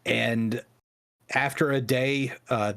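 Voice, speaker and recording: A man's voice: mid-range voice, fairly even intonation, takes it slowly, gravelly, fairly bright tone. Rambling man telling a history story. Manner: rambling, with many fillers and asides. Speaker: podcast co-host.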